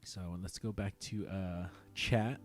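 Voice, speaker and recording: A young man from San Diego hosting a relaxed live chat, often repeating words as he goes. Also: deep voice, a little slow, soft background music. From San Diego, United States. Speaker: host. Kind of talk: casual chat on a live stream.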